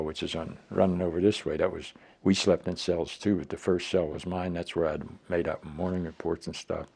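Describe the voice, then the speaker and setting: A man's voice: low voice, creaky, darkish tone, breathy edge. An elderly American man, a veteran remembering his service in a plain-spoken way, telling anecdotes and acting out the dialogue. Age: older, elderly. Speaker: war veteran being interviewed.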